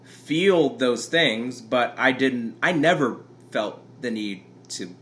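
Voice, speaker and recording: A young man in a relaxed podcast chat with a bright, forward tone. He rambles and restarts his thoughts often. He speaks at a middling pitch. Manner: rambling, halting with many restarts. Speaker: podcast co-host. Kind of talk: casual couple chat.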